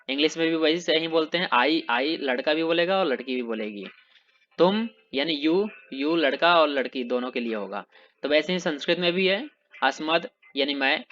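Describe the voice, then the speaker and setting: A man teaching Sanskrit grammar, slowly reciting word forms one by one and then explaining them in plain, simple terms. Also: a little high, sharp tone, highs cut off. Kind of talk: recorded grammar lesson.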